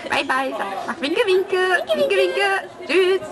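A woman's voice: extremely high pitch, very animated, slow pace, crowd noise. A woman chatting cheerfully and playfully backstage. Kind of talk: casual chat.

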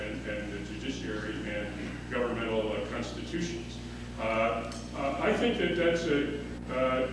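A middle-aged man speaks at a podium in a big conference hall, halting and full of "uh" as he gathers his thoughts. The sound bounces hard around the room and he seems some way off the mic. A steady hum sits under everything. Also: medium pitch. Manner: hesitant, many "uh" fillers and restarts. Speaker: conference panelist. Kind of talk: unscripted remarks at a podium. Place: large wood-paneled conference hall. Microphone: podium microphone. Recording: echoey hall audio from a distant mic, with hum.

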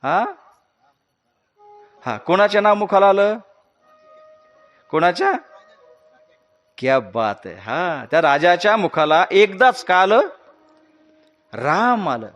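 A man preaching a devotional sermon and telling a story, swinging between loud exhortations and soft asides to his audience. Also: high-pitched, sing-song, takes it slowly, long pauses, faint music behind.

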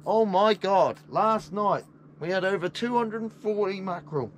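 Speaking at a moderate pace in a voice that sits high, a man vlogs from a small boat, chatting matily and slangily and often addressing viewers as guys. The noisy outdoor recording, from an action camera or phone mic a few feet away, has faint boat and outdoor noise behind it.

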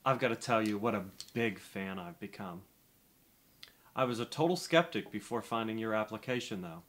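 A man's voice: lowish voice, animated, normal speed, fairly bright tone. A middle-aged man playing an earnest, grateful guest giving a confessional testimonial in a scripted parody infomercial.

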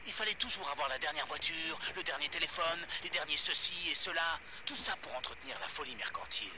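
A man's voice: a little high, animated, fast, background noise. An actor playing a ranting, preachy male radio broadcaster in a video game, heard as a fading shortwave radio broadcast. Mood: defiant rant. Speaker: radio show host.

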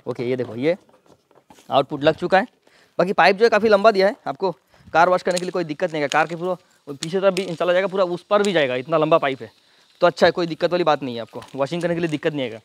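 A man talks through a hands-on product demo at a rapid clip, explaining as he goes. His voice sits a little high for a man, and there is a faint noise behind him. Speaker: product reviewer. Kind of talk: casual product demo and review.

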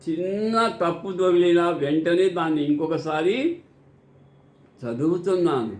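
Slow, earnest older man in echoey room. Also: on the high side, darkish tone. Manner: slow, earnest, preacherly delivery. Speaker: scripture reader and teacher. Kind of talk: devotional scripture recitation with explanation.

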